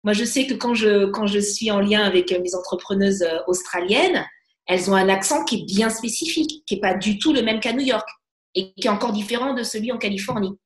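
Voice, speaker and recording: A woman's voice: medium pitch, fairly quick. A woman guest coach talking casually and with energy, often restarting her phrases with fillers. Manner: animated, many restarts and fillers. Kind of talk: casual interview talk. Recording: echoey room.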